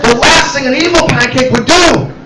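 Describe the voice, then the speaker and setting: High-voiced man telling stand-up stories. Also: normal speed, loud music behind the voice, over a noisy crowd. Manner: animated, acts out characters. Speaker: comedian. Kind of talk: stand-up comedy storytelling. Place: cafe. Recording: echoey cafe room, distant mic, loud noise.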